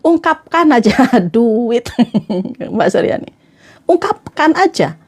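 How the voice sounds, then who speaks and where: A woman's voice: a little high, very animated, slow pace, a little mellow. A woman trainer giving a playful, chatty motivational talk to a live audience, acting out little scenes as she goes.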